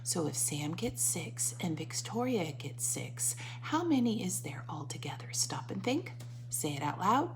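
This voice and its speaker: The woman teacher whispers in a fairly low voice with big pitch swings, keeping a measured pace. She reads a picture book to young children, pausing to explain and to coax answers using questions and repetition. The recording is noisy.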